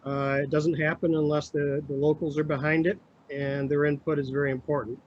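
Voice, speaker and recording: A middle-aged man, a county administrator, giving a formal, halting presentation to a committee over a crackly remote phone line that fades in and out. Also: fairly high pitch, little pitch movement. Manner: halting, with many filler sounds. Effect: crackly remote phone line, fading in and out.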